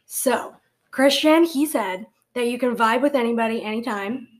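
A woman's voice: on the high side, normal speed. A young adult woman hosting a podcast, talking in an upbeat, chatty way with frequent fillers. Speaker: podcast host. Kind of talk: casual podcast chat.

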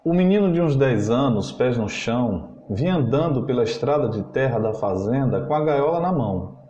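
A man hosting a podcast and reading a literary story aloud in a slow, measured way, in a roomy, slightly dull recording. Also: medium pitch, lively intonation, warm tone. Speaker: podcast host and reader.

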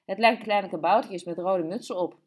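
A woman's voice: medium pitch, brisk, natural voice. A woman voicing a flamboyant, vain and chatty grown woman who talks in a playful, showy way for an audiobook. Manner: playful, showing off.

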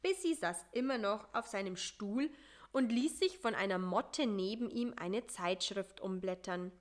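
Slow, calm woman reading a story. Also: mid-range voice. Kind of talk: reading a children's story aloud.

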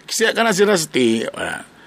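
A man hosting a casual chat, animated, laughing often and mixing in English phrases. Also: sits high, normal speed, gravelly.

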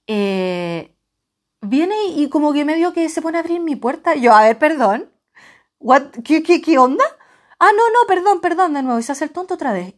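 A woman from Chile with a Chilean accent, telling a personal travel story dramatically, jumping between loud outbursts and hushed asides. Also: medium pitch. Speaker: travel vlogger.

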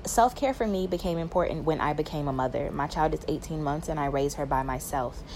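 A young woman from Atlanta sends in a composed, thoughtful voice note. Her voice is notably low for her age, with a faint ambient hum behind her, and she speaks with steady sincerity. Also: a little fast. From Atlanta, Georgia, United States. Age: young adult. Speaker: podcast listener. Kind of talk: voice note message.

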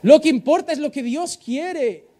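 A male pastor with a Spain Spanish accent, preaching a sermon in an animated way and acting out the voices of the people he quotes. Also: very high voice, a little slow.

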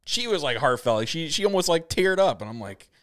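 A young man co-hosting a podcast, telling a story in casual chat, excitable, laughing often, with many restarts. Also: fairly high pitch, brisk, no room sound, studio quality. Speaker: podcast co-host.

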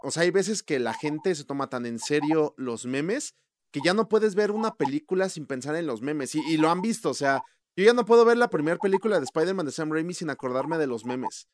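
Animated Mexican guy, lively pitch. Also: brisk, no room sound, studio quality. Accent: Mexican Spanish. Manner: slangy, animated, acts out quoted reactions. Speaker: podcast co-host. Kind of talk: casual chat about movies.

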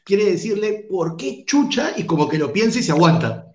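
Lively high-voiced co-host. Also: male voice. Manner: teasing, quick banter. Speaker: radio co-host. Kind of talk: casual comedic radio chat. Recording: echoey room.

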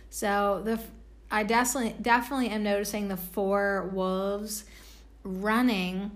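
A woman's voice: mid-range voice, fairly bright tone. A young woman casually rambling with lots of fillers while reading oracle cards in a vlog. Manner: rambling, loose, full of "like" fillers. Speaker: oracle card reader.

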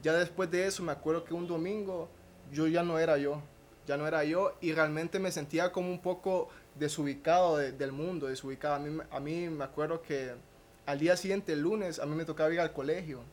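A young man, a podcast guest telling a personal testimony in a halting way, with restarts and a questioning tag at the end of phrases. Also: a little high, fairly even intonation.

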